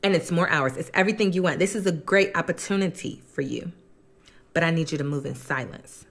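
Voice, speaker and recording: A scheming older fortune teller voiced by a woman hands out instructions in a coaxing, matter-of-fact way. She sounds calm and sure of herself, talking slightly lower and softer. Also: a little fast.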